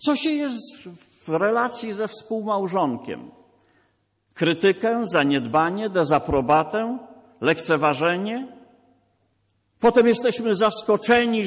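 A man's voice: high-pitched, in a large hall. A man preaching a sermon, asking rhetorical questions and repeating emphatic refrains.

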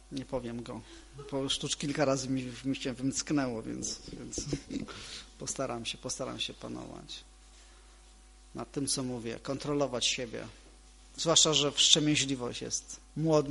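A man preaching a sermon to a congregation, emphatic, repeating key phrases and moving between loud and soft delivery. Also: mid-range voice, fairly even intonation, measured pace, creaky, slight background noise.

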